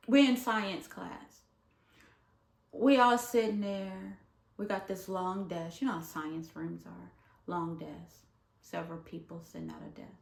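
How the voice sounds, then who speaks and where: A woman vlogger telling a story from her school days in a casual, animated way, jumping high in pitch when she quotes people. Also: creaky, roomy sound.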